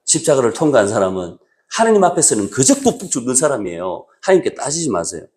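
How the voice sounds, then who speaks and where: A male pastor preaching a sermon, moving between raised exhortation and quiet low asides. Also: sing-song, fast talker. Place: church sanctuary.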